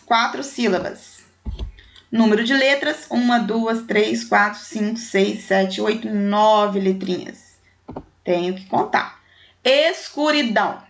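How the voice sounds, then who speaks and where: A woman's voice: medium pitch, slow pace, creaky. A woman teacher, taking young pupils through a primary school language exercise and counting syllables and letters aloud with affectionate diminutives.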